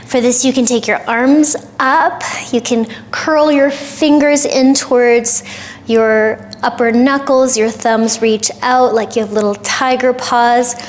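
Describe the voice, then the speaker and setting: A woman yoga teacher giving calm, gentle guided instruction for a short flow, with soft breathy asides. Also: fairly high pitch, takes it slowly, a little hiss or hum.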